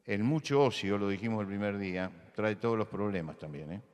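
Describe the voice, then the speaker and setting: Older Argentine pastor with deep voice. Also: male voice, fairly quick, a little mellow, smooth, big-room sound. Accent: Rioplatense Spanish. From Buenos Aires, Argentina. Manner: storytelling, conversational, rising to emphatic. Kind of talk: sermon. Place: large church hall.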